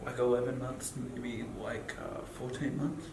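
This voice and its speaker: Mid-pitched and a little slow, his delivery is flat. The Australian guest, in his twenties, chats casually in an interview, rambling, swearing and using lots of fillers; the audio is echoey, distant and full of background noise.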